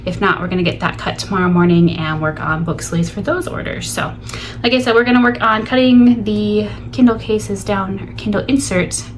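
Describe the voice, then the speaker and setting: In a home studio vlog with slight background noise, a young small business owner chats casually about her craft business at a moderate pace. Her mid-range voice is slightly stuffy from allergies, and her friendly chatter is full of "so" and "like."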